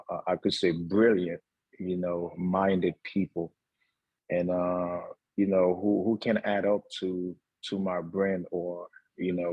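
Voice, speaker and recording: A young man from Haiti speaks earnestly as a talk-show guest, his voice very low and slightly husky. He pauses often and fills gaps with "uh" and "you know." The sound is close and dry. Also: a little mellow, no room sound, rough recording. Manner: earnest, halting, many fillers. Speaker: guest entrepreneur. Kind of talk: casual talk-show conversation.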